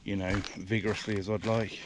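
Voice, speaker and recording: A man's voice: on the low side, little pitch movement, fairly quick, very noisy. A British man vlogging a camera review while walking in the countryside, a little out of breath, rambling with lots of fillers, recorded on the camera's own mic. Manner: rambling, hesitant, many fillers. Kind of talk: casual walking vlog. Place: outdoors in the countryside, walking by a river. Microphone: action camera's built-in mic.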